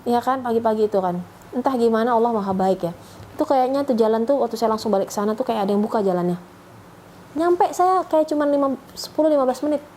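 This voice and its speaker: A woman's voice: on the high side, dark tone, slight background noise, low-quality recording. Middle-aged woman telling her story. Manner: chatty, rambling storytelling with restarts and fillers. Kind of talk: emotional personal testimony.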